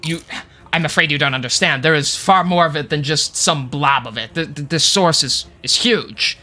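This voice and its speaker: A man voicing an elderly, overstressed male goblin scholar in a tabletop game, speaking gravely and formally. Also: a little high, normal speed, sharp tone, faint music behind. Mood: worried.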